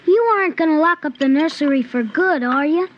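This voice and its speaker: A woman's voice: high-pitched, fairly quick, lightly acted. A woman playing a spoiled, evasive young boy in a 1950s radio drama, innocent-sounding and insistent. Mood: sullen, insistent. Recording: muffled, faintly noisy old radio recording.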